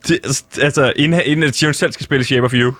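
A young male co-host asks questions with a deadpan, mock-serious touch in an even middle voice. The recording is dry and close, with no room sound around him. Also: medium pitch, dry recording. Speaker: comedy co-host. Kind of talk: improvised comedy chat.

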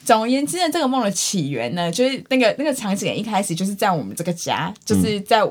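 Woman chatting on a podcast, talks fast, acts out lines while she tells it. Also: medium pitch. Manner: animated storytelling, acts out quoted lines, laughs often. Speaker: podcast co-host. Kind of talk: casual chat.

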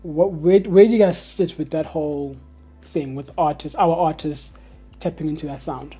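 A South African man hosts a casual podcast in a soft, dark voice with a husky edge. His talk is slangy and he often circles a phrase before landing it. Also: on the high side, normal speed, soft background music. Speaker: podcast host.

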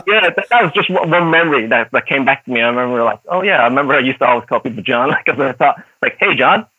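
A Dublin actor and martial artist in his thirties, whose first language was Cantonese, guests on a casual podcast with a light, mixed Irish accent. His medium-pitched voice is husky and sharp, and he talks fast and expressively, rambling through answers with many fillers and frequent laughs. The recording is rough but has no echo.

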